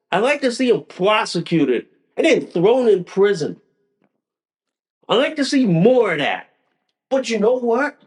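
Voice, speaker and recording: A man hosting a solo podcast, ranting angrily with profanity and frequent stumbling restarts. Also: high voice. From United States. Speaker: podcast host. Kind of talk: solo political rant.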